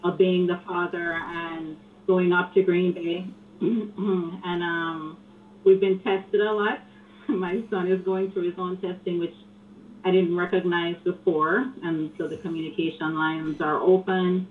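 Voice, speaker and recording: A woman calls in to a radio show. Her voice sits low for a woman, soft and earnest, with many pauses. She comes through a thin, tinny phone line with faint hiss. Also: little pitch movement. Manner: soft-spoken, earnest, halting. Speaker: caller. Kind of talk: call-in phone conversation.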